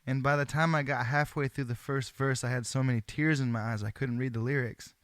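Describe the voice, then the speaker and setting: Laid-back man with a smooth, dry voice. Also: mid-range voice, steady tone, fairly quick, dry recording. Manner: laid-back, earnest, slangy, swears. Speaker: host. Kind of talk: casual phone chat.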